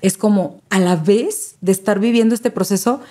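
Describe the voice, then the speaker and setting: A woman's voice: medium pitch, moderate pace, warm tone. A woman, a guest speaking as a maternity and grief specialist in a casual interview, earnest and repeating key phrases for emphasis.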